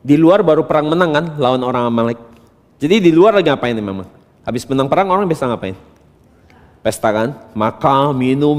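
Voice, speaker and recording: A man from Indonesia preaching to a congregation. His delivery is lively and questioning, dropping low and then rising into loud, emphatic bursts. His voice sits in a middle pitch and rings out with the long reverb of a big church hall. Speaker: pastor. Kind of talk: sermon.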